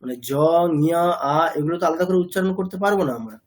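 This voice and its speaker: A man's voice: a little high, quick pace. A man teaching a language class, explaining patiently, quizzing his students with questions, and mixing English words into his talk. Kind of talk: classroom lecture.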